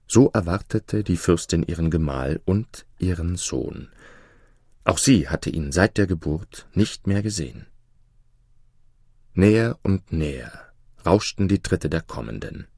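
A man narrating a fairy tale in a measured, dramatic reading. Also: sits low, expressive, vocal fry, darkish tone, no echo, studio quality. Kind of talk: storybook narration.

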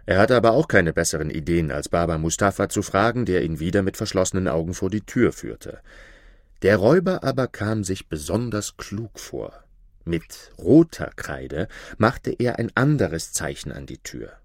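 A man reads a fairy tale aloud in an expressive storytelling manner. His voice sits fairly low but moves in a lively way. The recording is dry and close. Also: no echo. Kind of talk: storybook reading.

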